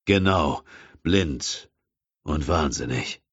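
A man reading a calm, menacing villain. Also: very deep voice, breathy edge, dry recording, muffled recording, exaggerated voice. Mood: coolly menacing. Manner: slow, measured, coldly polite.

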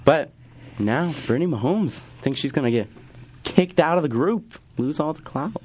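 Young man hosting a lively morning chat. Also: on the high side, normal speed, breathy edge. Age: young adult. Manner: argumentative, laughs easily. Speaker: radio morning show host. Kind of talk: casual chat.

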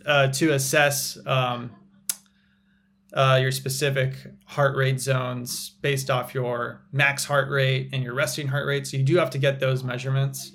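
Relaxed man explaining running science. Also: mid-range voice, unhurried. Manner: explanatory, relaxed, with frequent fillers. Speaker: physical therapist guest. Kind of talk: casual podcast interview.

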